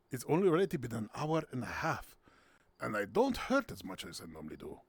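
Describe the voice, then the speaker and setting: Male streamer, casual gameplay commentary, gravelly, very bouncy delivery, giggles often. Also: medium pitch, wildly swooping pitch, a little fast, dry recording. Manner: playful and giggly, with silly sound words. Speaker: streamer hosting a game night.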